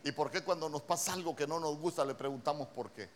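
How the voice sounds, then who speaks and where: A man with a Honduran accent delivers an impassioned sermon to a church congregation. His voice sits fairly high, and he keeps firing rhetorical questions at his listeners. He drops to a near hush, then bursts into loud, urgent exclamations. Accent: Honduran Spanish. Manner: impassioned, quick swings between hushed and shouted lines, many rhetorical questions. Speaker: preacher.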